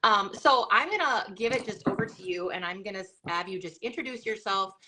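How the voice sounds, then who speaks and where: A woman's voice: medium pitch, animated, brisk, noisy background. A middle-aged woman hosting a live video chat, talking casually and rambling with lots of fillers and restarts. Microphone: video call.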